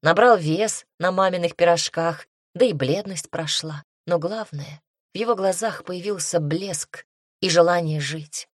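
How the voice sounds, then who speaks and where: Low husky woman reading fiction. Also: measured pace, no room sound, clean studio sound. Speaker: audiobook narrator. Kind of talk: scripted fantasy narration.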